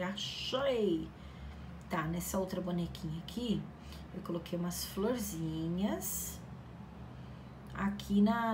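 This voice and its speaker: Chatty middle-aged woman painting dolls. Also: medium pitch. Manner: chatty, warm-hearted encouragement with playful quoted voices. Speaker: craft channel host. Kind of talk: casual chat while painting. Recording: faint background noise.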